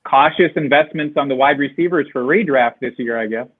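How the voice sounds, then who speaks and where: A man's voice: mid-range voice, brisk, husky, no room sound. A man joining a live football chat, making dry, teasing remarks. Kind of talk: casual sports chat. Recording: thin phone-like line, dry.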